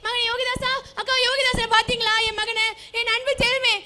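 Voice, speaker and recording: A woman's voice: very high-pitched, fairly even intonation, fairly quick, pushed and bright. A school student voicing a grieving queen mother who wails and sobs over her lost son in a stage play. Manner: wailing lament, sobbing.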